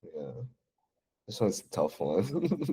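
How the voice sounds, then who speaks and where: A very low-pitched young man from Taiwan talks softly and hesitantly, full of pauses and fillers. He chats casually as a podcast guest. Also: very animated, husky. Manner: soft-spoken, hesitant, many fillers. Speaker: podcast guest, designer and 3D artist. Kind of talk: casual interview chat.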